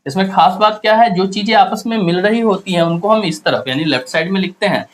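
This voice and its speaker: A man's voice: high-pitched, fast, a bit bright, slight background noise, rough recording. A male chemistry teacher, giving a classroom lecture and asking and answering his own questions as he explains step by step.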